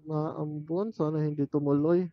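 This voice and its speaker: Out on mountain roads on his motorcycle, a man vlogs as he rides, chatting and thinking aloud at a measured pace. His slightly high voice has fairly even intonation, captured muffled by a helmet intercom headset acting as an external mic.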